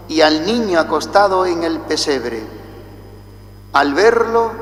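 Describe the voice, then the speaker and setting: A priest from Spain with a Spanish accent, chanting the liturgy and then preaching a slow, deliberate homily, heard with a cathedral echo. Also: male voice, high-pitched. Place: large church. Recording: echoey church with long reverb.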